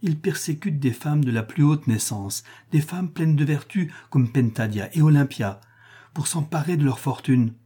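A proud empress, resolute and close to tears, speaking up in a raised, husky voice, as a male reader puts her on. The tone is mellow yet firm, pitched above a man's usual reading voice. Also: lightly acted.

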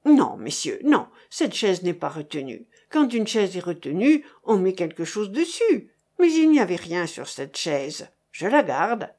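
A woman's voice: on the low side, big pitch swings, a little slow, few pauses, a little mellow, full character voice. A woman reading aloud, voicing an insolent man who refuses to give up a chair.

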